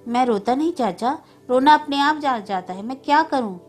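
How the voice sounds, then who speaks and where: A grieving little boy begs again and again to be taken to his mother, as a woman reader puts him on. The voice sits high and keeps pleading. Soft music runs faintly underneath. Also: animated, normal speed. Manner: pleading, insistent.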